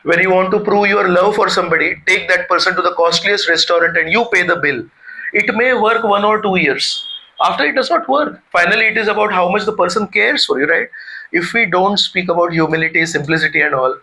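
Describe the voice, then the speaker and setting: Bright-voiced man giving a devotional talk. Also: high voice, low-quality recording. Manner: conversational, asks the audience questions. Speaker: spiritual teacher.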